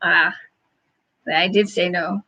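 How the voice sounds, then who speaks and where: A woman hosting a casual livestream, answering chat questions in a halting, thinking-aloud way with frequent chuckles. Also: lowish voice, steady tone, pushed and bright, muffled recording.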